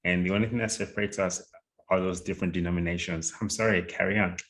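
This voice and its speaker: A man's voice: sits low, fairly even intonation, fast, a bit bright. A man hosting a podcast interview, chiming in with agreeable, affirming replies. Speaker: podcast host. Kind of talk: casual interview talk.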